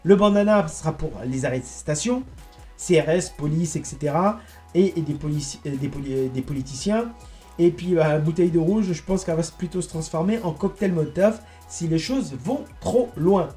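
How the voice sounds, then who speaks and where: A man giving a rambling, indignant monologue to his viewers, halting and restarting as he goes. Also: on the high side, lively intonation, warm tone, soft background music. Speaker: online political commentator.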